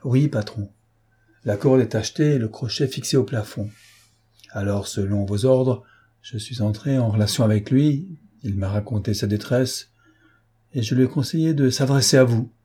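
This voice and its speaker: A man voicing a loyal hotel boy who serves as a henchman in an audiobook, reporting briskly and dutifully. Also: medium pitch, dark tone, slightly rough, close to an everyday voice. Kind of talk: audiobook character voice.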